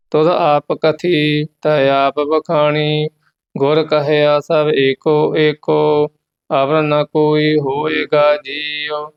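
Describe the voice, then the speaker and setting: Punjabi guy reciting scripture real slow for a lesson, kinda high voice, dull lo-fi sound. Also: clean tone. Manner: chants verses slowly, then gives quick pronunciation notes. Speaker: Gurbani recitation teacher. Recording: dull, slightly lo-fi recording.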